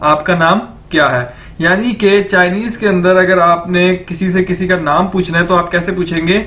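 A man with a Pakistani Urdu accent teaching a language lesson, drilling each word by repeating it slowly and checking that students follow. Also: high-pitched, steady tone, a bit bright. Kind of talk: classroom lecture.

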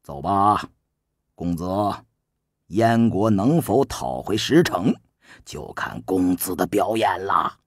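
Man doing a low coaxing male strategist. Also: animated, slow pace, husky, no room sound, studio quality, heavily acted. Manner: low, soft, patiently coaxing. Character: shrewd calm male strategist, persuasive.

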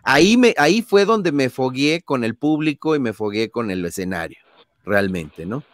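With a medium-pitched, expressive voice at normal speed, a Mexican-accented man appears as an interview guest, son of a famous singer, in a studio-quality recording without echo. He tells anecdotes casually, acting out moments with sound effects, and often uses tag questions and fillers.

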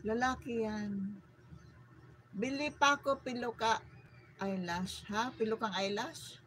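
A woman's voice: a little high, takes it slowly, fairly bright tone, a little hiss or hum, low-quality recording. A middle-aged Filipino woman hosting a live stream, chatting playfully with viewers, laughing often and mixing Tagalog and English. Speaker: livestream host. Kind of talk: live stream chat reading viewer comments.

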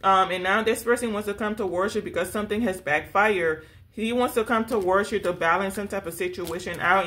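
A woman's voice: mid-range voice, fairly bright tone. A woman giving a casual spiritual tarot reading, sassy and direct, calling the listener honey and baby. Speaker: tarot reader.

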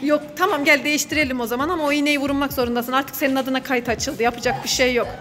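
Woman, high voice, rapid talk, bossy and teasing, family vlog skit, echoey hall, faint music. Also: steady tone. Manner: bossy, teasing, coaxing a child. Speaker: vlog host playing a mother.

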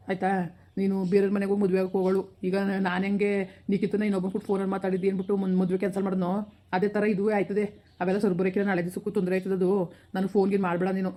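Young village man, stern and curt, played by a woman; rural Kannada accent, flat monotone delivery. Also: mid-range voice, close to an everyday voice. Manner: curt, dismissive, repeats his refusal. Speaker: actor in a village skit. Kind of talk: village skit acting.

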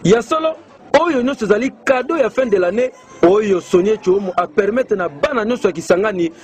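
High, lively male news narrator. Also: fairly quick. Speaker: news presenter.

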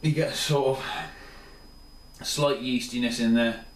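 Slow and fairly even in intonation, this mid-range male voice belongs to a tired beer reviewer in his thirties, casually and enthusiastically rambling in his small kitchen at home. Recorded off-mic on a camera a few steps back, the audio sounds roomy, with slight background noise.

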